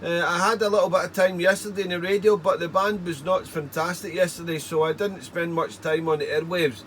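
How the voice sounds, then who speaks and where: A British man with a high-pitched voice talks briskly as an amateur radio operator, chatting casually with call signs. His talk rambles in a stop-start fashion with repeated words, and faint steady background noise sits under the recording.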